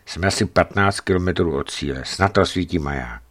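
Deep-voiced man reading a tense memoir. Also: a bit bright. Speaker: narrator of his own desert journey. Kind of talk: dramatic audiobook reading of a travel memoir.

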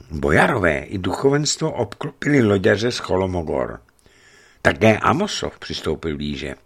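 A man narrating a historical story in a measured, grave manner. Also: low-pitched, very animated, slightly rough.

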